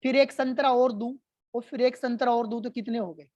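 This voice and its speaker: A woman voicing a stern male schoolteacher who quizzes a pupil, asking slowly and patiently before growing exasperated. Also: a little high, fairly even intonation, darkish tone, no room sound, lightly acted. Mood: questioning.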